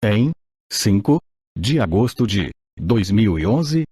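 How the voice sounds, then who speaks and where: A man's voice: lowish voice, very animated, takes it slowly, warm tone, slightly rough, no room sound, clean studio sound. A man's synthesized, robotic voice like an old speech synthesizer, with a Brazilian accent, reading scripted audiobook narration in mechanical phrasing.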